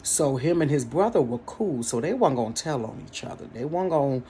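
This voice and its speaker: A storyteller vlogger from Cincinnati, United States, sits in her bedroom delivering a casual storytime monologue straight to her viewers. She is animated and laughs often. Her voice is extremely low and brisk, with a slight hiss or hum.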